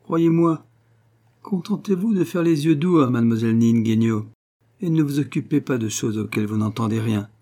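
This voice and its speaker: A man reading aloud, voicing a sly, dry-witted older timber merchant with a deadpan, mocking manner. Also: medium pitch, moderate pace, natural voice.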